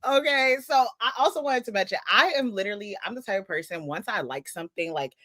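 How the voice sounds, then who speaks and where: A woman's voice: medium pitch, fast talker, no echo. A woman in her twenties co-hosting a podcast, chatting casually and acting out dialogue as she tells stories. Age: 20s. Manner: animated storytelling, acts out dialogue. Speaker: podcast co-host. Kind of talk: casual chat.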